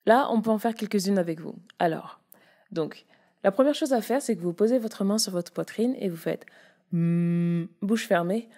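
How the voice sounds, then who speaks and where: Young woman, voice coach, warm mellow tone, casual teaching delivery that demonstrates vocal registers. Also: medium pitch, expressive, moderate pace. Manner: demonstrative, shifts between chest, mask and head voice. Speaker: voice and public speaking coach. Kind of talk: casual spoken tutorial.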